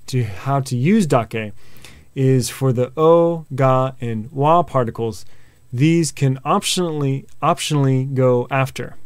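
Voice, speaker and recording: A male language teacher talks slowly in a smooth, resonant voice, patiently walking through examples and memory tricks. He often pauses on filler sounds as he explains, and the recording is dry and close. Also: medium pitch, dry recording. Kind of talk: explanatory video lesson.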